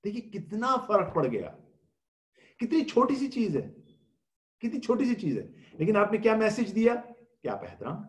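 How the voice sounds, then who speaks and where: Man, religious lecture, fairly high voice, rhetorical questions, explanatory, English words mixed in. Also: wildly swooping pitch, pauses often, reverberant. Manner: explanatory, asks rhetorical questions and answers them; mixes English words into speech. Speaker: religious scholar giving a Ramadan talk.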